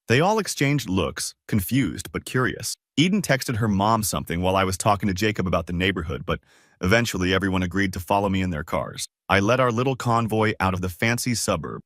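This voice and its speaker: A man's voice: lowish voice, no echo, clean studio sound. A man reading a first-person story aloud in a casual, conversational way. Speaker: narrator.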